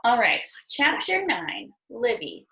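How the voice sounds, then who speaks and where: A woman's voice: fairly high pitch, big pitch swings, slow pace, gravelly, pushed and bright, rough recording. Woman reading aloud to a child.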